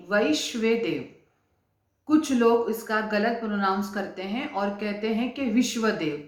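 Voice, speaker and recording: Woman astrologer in an echoey room. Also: medium pitch. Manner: measured, repeats key terms for clarity. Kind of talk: explanatory talk on astrology.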